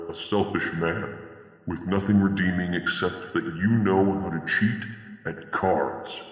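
A man voicing an ancient, scornful male demon lord with a gravelly, commanding voice, in an audio story. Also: deep voice, highs cut off, pitched below the performer's own voice. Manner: contemptuous, commanding. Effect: echoing reverb.

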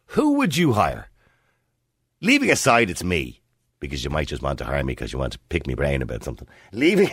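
A man's voice: medium pitch, slightly rough, no echo, studio quality. A man in his fifties with an Irish accent, hosting a talk radio show and putting questions to listeners in a chatty, opinionated way. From Ireland. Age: 50s.

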